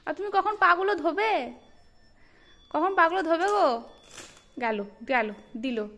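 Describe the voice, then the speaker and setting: A young woman with a high voice speaks casually to her child. She teases, coaxes and scolds lightly, in a warm and playful way. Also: expressive, a little slow. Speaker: mother filming her child. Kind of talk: casual family chat with a child.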